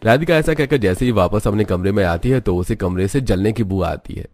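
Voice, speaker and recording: A man narrating a family cartoon story in a steady scripted storytelling way. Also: fairly low pitch, fairly quick, no room sound, clean studio sound.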